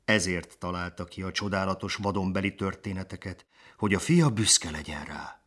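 A man narrating a children's storybook in an expressive, lively way. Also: deep voice. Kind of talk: storybook reading.

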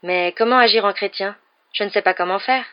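A woman reading aloud and voicing an eager, innocent young boy in a high, pleading voice. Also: fairly quick, lo-fi sound, lightly acted. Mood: earnest.

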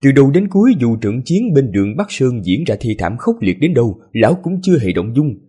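A man with a hoarse voice narrating a serialized story as the channel host, in a relaxed, chatty way. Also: mid-range voice, fairly quick. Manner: relaxed, chatty asides with fillers.

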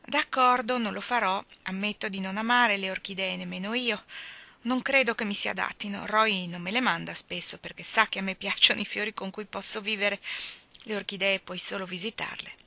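A woman reading aloud, voicing a gentle, thoughtful young woman student who talks calmly and teases softly. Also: medium pitch, moderate pace, gravelly, dry recording.

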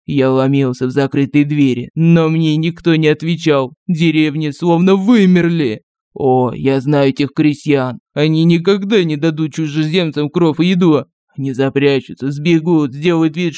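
A woman's voice: low voice, dark tone, dry recording, close to an everyday voice. A woman voicing a crafty male advisor who fakes leprosy in a humorous fantasy audiobook, with a whiny, pleading, theatrical manner. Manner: pleading, overly gushing.

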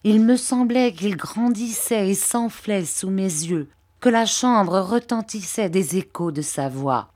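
An audiobook narrator with a mid-range voice, this woman reads a classic novel aloud. Her scripted literary narration is measured and expressive, in a storytelling style.

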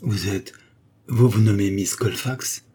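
A man plays a young magistrate thrown off balance, his words coming halting and breathless. The tone is husky and dark, lifted a little above the narrator's own. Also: fairly low pitch. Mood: flustered. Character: stunned young male magistrat, flustered.

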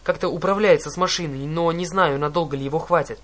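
A man's voice: on the high side, fast, fairly bright tone, close to an everyday voice. A man voicing a frightened, weary sailor who gives a worried report in an audiobook. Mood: panicked. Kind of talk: audiobook character voice.

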